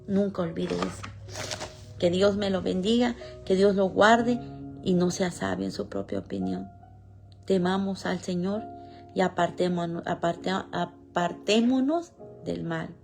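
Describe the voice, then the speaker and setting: A woman's voice: on the low side, expressive, a little slow, creaky, a little mellow, soft background music. A woman preaching an earnest sermon, telling her own testimony and reading scripture aloud.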